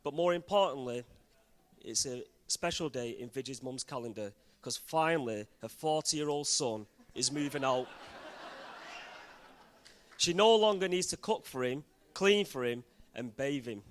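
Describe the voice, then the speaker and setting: Bloke doing a funny wedding toast, medium pitched voice, speaking to the guests. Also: male voice, unhurried, a little hiss or hum.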